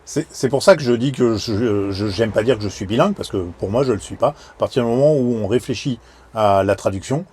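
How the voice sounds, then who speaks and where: A man's voice: medium pitch, a little fast, a little mellow, husky. A man travel vlogger explaining things casually, hesitant with many fillers.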